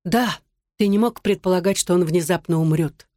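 A woman's voice: on the low side, normal speed, dark tone, dry recording, clean studio sound, natural voice. A narrator voicing a tearful pleading young woman. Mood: bitter.

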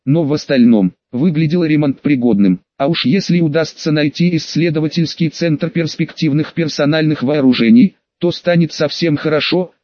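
A man narrates an audiobook in the first person, with a fairly high voice. He tells the story in a matter-of-fact way and drops wry asides. The sound is dry and a little dull. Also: dry recording.

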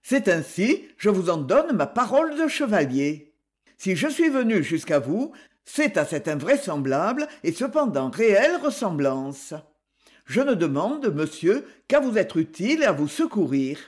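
A man reading a courteous gentleman knight. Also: sits high, big pitch swings, measured pace.

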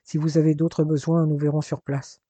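A protective older father, read by a man, firm and formal, offering calm reassurance in a storybook reading. His voice is warm and dark, with a slightly high pitch. It is recorded dry and close. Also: normal speed, no echo, lightly acted. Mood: firm, reassuring.

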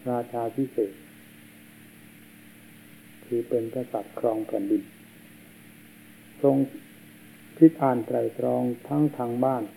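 A man, a monk, giving a slow and solemn sermon, heard on an old worn tape. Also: medium pitch, vocal fry, mellow, a little hiss or hum, poor audio. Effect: old worn tape recording.

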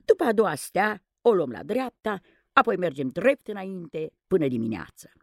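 A woman's voice: lowish voice, sing-song, no echo, studio quality, pitched above the performer's own voice. A woman voicing a bold, commanding boy hero in a storybook reading. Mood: confident. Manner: confident, bossy.

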